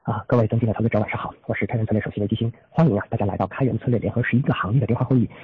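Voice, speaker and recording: 语速极快、嗓音沙哑的男分析师. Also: male voice, on the low side, steady tone, rapid-fire, husky. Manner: formal, with frequent trailing "a" particles. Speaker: chief strategist hosting an investor call. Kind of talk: prepared market analysis presentation. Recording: tinny phone-line conference audio.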